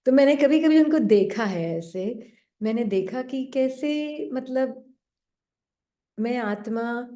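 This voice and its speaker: Brief: woman spiritual teacher, mellow higher voice, gentle questioning manner, speaking on a video call. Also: lively intonation, slow pace. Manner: gentle, questioning, acts out the doubting mind in a low voice. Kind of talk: spiritual talk to an online class.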